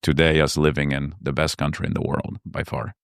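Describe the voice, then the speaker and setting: A man from Argentina, whose first language is Spanish, speaks with an extremely deep, smooth and resonant voice. He tells his story in an earnest, reflective way, and the sound is close and dry. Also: flat delivery, brisk, no echo. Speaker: entrepreneur guest. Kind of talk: conversational interview.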